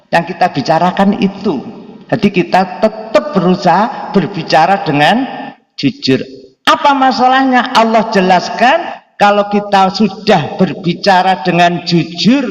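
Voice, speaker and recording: A man preaching a sermon, often asking the audience whether they understand. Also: fairly high pitch. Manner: mixes in local phrases, asks the audience if they understand. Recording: echoey hall from a distance.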